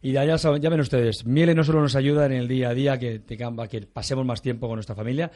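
A man's voice: mid-range voice, fairly even intonation, quick pace. A man hosting a radio show, chatting with guests and giving household tips in a rambling, talkative way. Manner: chatty, rambling, warm-hearted repetitions. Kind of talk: lively radio chat and home tips. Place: radio studio.

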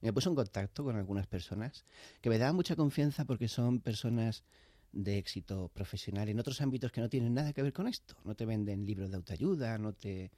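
A man's voice: fairly low pitch, animated, a little fast, no room sound. A man, a novelist guest on a radio show, talking in a chatty, reflective way and laughing easily. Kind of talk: radio interview. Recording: soft music playing underneath.

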